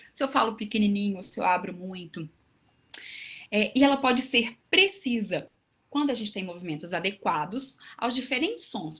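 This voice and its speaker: A woman's voice: mid-range voice, muffled recording. A woman with a Minas Gerais accent giving an online lecture to teachers, explaining with everyday examples and asides. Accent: Minas Gerais Brazilian Portuguese. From Minas Gerais, Brazil.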